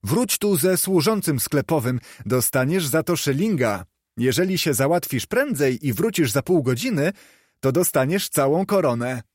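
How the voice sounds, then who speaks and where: Audiobook: jubilant elderly man, high and excited, exclaiming, dry sound read by a male narrator. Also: normal speed, slightly rough, no room sound. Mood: eager. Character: elderly former miser, giddy with joy.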